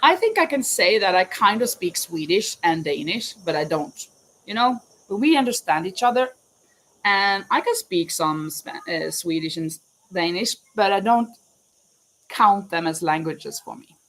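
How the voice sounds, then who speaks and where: Unhurried and expressive, this woman has a fairly low-pitched voice, and the rough recording has slight background noise. She's a Norwegian crochet vlogger and teacher with a Norwegian accent, crocheting live at her home in Spain with crickets outside, chatty and rambling a little as she corrects herself and fields viewers' questions.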